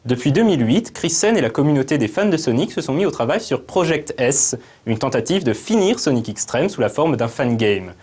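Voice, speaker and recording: Guy reading a scripted history bit, middle pitch, brisk storyteller vibe. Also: sing-song, darkish tone, slightly rough. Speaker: segment presenter. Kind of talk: scripted documentary narration.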